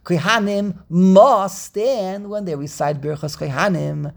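A man's voice: high-pitched, creaky. Man's voice glitching on a call. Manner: explains slowly with many repeated starts. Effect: glitching, breaking-up call audio. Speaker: rabbi teaching a class. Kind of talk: Torah lesson over a video call. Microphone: video call.

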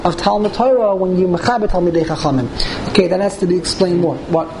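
A man's voice: high-pitched, fast talker. A man teaching an informal Talmud class as a rabbi, repeating and rephrasing as he explains phrase by phrase. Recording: clearly noisy room recording.

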